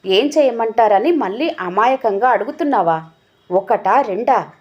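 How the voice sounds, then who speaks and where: A woman's voice: fairly high pitch, expressive, a little slow, highs cut off. A woman voicing an angry, scornful husband who scolds and mocks his wife. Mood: scolding. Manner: scolding, mocking.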